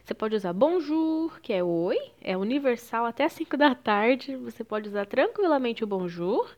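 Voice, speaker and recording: A woman's voice: a little high, lively intonation, moderate pace, muffled recording. A woman from Brazil with a Brazilian Portuguese accent, teaching a French lesson and explaining patiently, with French phrases mixed in. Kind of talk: online language lesson.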